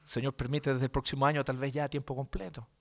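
A man with a Chilean accent, a pastor preaching a sermon in an animated, joking, colloquial way. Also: medium pitch, fast talker, vocal fry.

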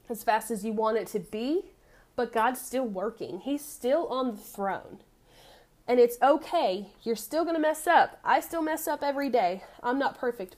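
A woman's voice: on the high side, darkish tone. A woman giving an earnest devotional message and then praying aloud, repeating words as she goes. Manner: earnest, repeats words, addresses God directly. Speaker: preacher. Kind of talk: devotional sermon and prayer.

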